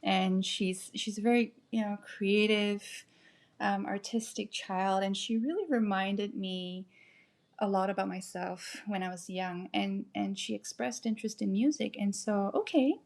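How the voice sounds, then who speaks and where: A woman in her forties who grew up in Malaysia chats as a guest composer in a relaxed interview. She talks at an easy, middling pitch, laughs often and restarts her sentences as she goes. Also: unhurried. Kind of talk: casual interview.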